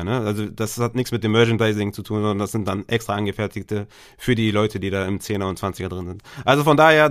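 A man co-hosting a podcast, chatting at a middle pitch. He talks loosely and colloquially. He restarts often and leans on fillers. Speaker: podcast co-host. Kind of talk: casual podcast chat.

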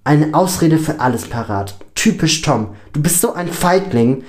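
Guy voicing a furious teen girl, loud and cutting, calling someone out. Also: fairly high pitch, animated, measured pace, slight background noise, pitched above the performer's own voice. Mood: accusing. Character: angry teenage girl, sharp and accusing.

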